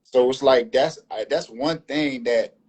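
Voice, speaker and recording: A man's voice: medium pitch, measured pace, a little mellow, slightly rough, low-quality recording. A man speaking earnestly as a panel guest in a live online discussion, repeating and restarting phrases as he builds his point.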